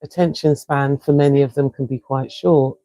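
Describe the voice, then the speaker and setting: Speaking as a wellness coach on a live stream, this English woman with a South London accent talks viewers through a breathing exercise, slow, soothing and encouraging. Her tone is a rumbling low, mellow and soft-edged, and her intonation stays fairly even. Captured close and dry on a phone or webcam, the audio is poor, without echo or room sound.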